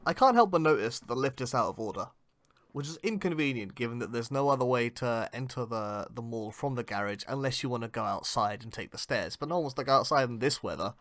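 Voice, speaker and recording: A man's voice: mid-range voice, lively intonation, fast, fairly bright tone, no echo. A man playing in an improvised tabletop role-playing game, speaking in a dry, matter-of-fact way. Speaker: player. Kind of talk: in-character improv play.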